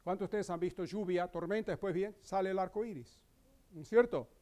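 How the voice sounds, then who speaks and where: A man's voice: sits high, darkish tone. A male pastor preaching a sermon, explaining scripture and asking the congregation rhetorical questions. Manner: reads scripture aloud with slow emphasis.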